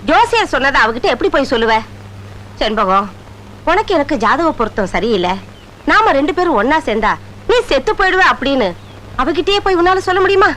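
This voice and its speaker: A woman's voice: high-pitched, very animated, a little fast, fairly bright tone, low-quality recording. An actress playing a middle-aged mother who worries over her son and coaxes him, in a film soundtrack with music behind. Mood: pleading. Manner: coaxing, scolding tenderly. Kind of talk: film drama dialogue.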